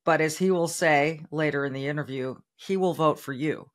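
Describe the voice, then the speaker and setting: A woman's voice: low-pitched, moderate pace. A middle-aged woman hosting an interview podcast, introducing her guest in an upbeat, conversational way from a home office studio mic. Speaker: podcast host. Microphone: studio microphone on arm.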